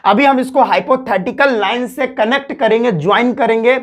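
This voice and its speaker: A man's voice: very high-pitched, normal speed. A man teaching a class lesson online, chatty, repeating his points and talking straight to his students.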